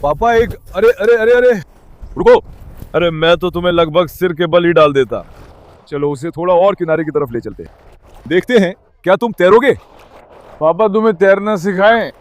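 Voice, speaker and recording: A man's voice: sits high, moderate pace, no room sound. A man vlogging outdoors at the sea, calling and coaxing his dogs with pet names in an affectionate way. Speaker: dog owner vlogger. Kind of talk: casual vlog talk to pets. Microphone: handheld mic.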